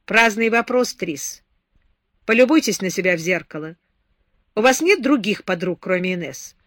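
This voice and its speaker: Brief: woman doing a stern, mocking grown man, sharp and lecturing, loud and dry. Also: medium pitch, lively intonation, moderate pace, no room sound, lightly acted. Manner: harsh, sarcastic, lecturing. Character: stern scornful man scolding a drunk girl.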